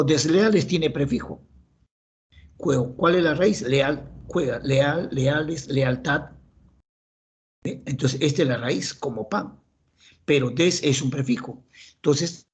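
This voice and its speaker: A male teacher with a Peruvian Spanish accent lectures on grammar in a gravelly, slightly raised voice. He quizzes himself aloud and answers in the voices of his students. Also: on the high side, slight background noise.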